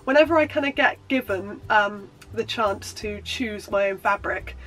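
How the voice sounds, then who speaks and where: A woman with a mid-range, fairly bright voice talks at normal speed over soft background music in a rough recording. A sewing vlogger congested from a cold, she does a casual show-and-tell, bubbly and rambling with plenty of ums.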